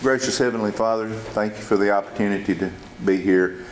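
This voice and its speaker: Very low-voiced man praying, echoey room. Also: fairly even intonation, brisk. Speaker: county commissioner giving an invocation. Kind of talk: public prayer. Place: indoor county meeting room. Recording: echoey meeting room, faint noise.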